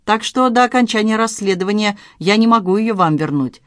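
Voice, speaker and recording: A man's voice: sits high, expressive, brisk, a bit bright, no echo, voice pushed up. A narrator puts on a stern, suspicious police major in an audiobook, curt and official. He questions with cool distrust. The sound is dry and close.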